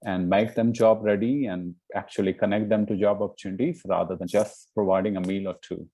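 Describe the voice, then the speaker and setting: Gravelly, dark-voiced man from India. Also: lowish voice, steady tone, fairly quick. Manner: earnest, many fillers and "you know". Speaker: interview guest. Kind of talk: casual conversational interview.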